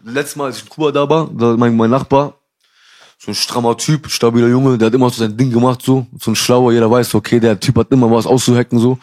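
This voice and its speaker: A man's voice: medium pitch, level tone, quick pace, a little mellow. A young man from Cuba, a podcast guest, telling stories in casual slangy talk, calling the host bro. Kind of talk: casual storytelling.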